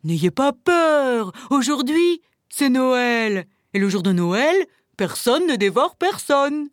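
A woman voicing a big male wolf in a storybook, gruff but kindly, speaking slowly. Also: high voice, sing-song, no echo, clean studio sound, full character voice. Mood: reassuring. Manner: slow, drawn-out.

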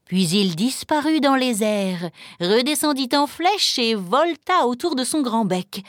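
A woman narrating a children's story in a slow, gentle, clearly paced manner. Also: on the high side, animated, dry recording, clean studio sound.

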